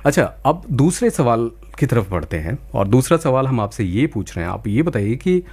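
A male radio host presents a live phone-in quiz at a medium pitch. He is courteous and encouraging, explains at length, and drops in bits of English. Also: big pitch swings, normal speed, darkish tone, breathy edge. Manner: polite, encouraging, wordy.

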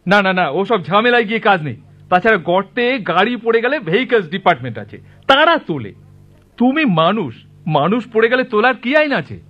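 A man's voice: high-pitched, big pitch swings, brisk, pushed and bright, faint music behind, heavily acted. An actor playing a callous, complaining male junior municipal worker, exasperated in a comic audio drama. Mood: dismissive, exasperated. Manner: exasperated, agreeable to his colleague. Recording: dull lo-fi recording.

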